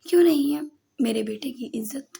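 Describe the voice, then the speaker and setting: A woman voicing an affectionate mother who gently scolds her son, in an audiobook novel. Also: sits high, fairly quick, vocal fry, pitched above the performer's own voice. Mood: scolding. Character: affectionate scolding mother, firm but kind.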